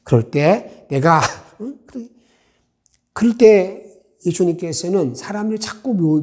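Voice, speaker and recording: Guy pastor preaching earnestly to a small group, kinda high voice, keeps asking questions. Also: darkish tone. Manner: earnest, explanatory, asks the listeners questions. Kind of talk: sermon at a small cell group service.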